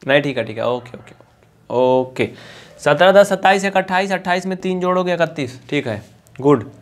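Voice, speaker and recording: A man from India teaching an online maths lesson, chatty and coaxing, repeating points slowly and mixing in English textbook terms. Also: a little high, lively intonation.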